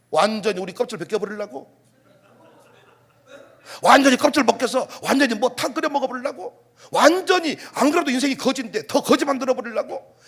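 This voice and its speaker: A middle-aged male pastor delivering a sermon in a very high, husky voice. His pitch swings widely as he fires off rhetorical questions and bursts into loud exclamations. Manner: animated preaching with rhetorical questions and outbursts.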